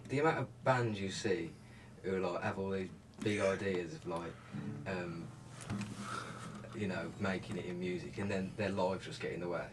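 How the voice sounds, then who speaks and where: A man's voice: low voice, normal speed. Rambling man, distant noisy mic. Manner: rambling, many fillers. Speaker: band member. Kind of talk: casual interview chat.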